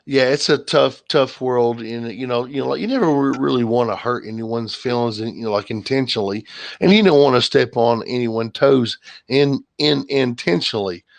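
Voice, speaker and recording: A man hosts a livestream, chatting casually and rambling, full of fillers and restarts. His voice is mid-range with vocal fry, at normal speed, in a dry recording.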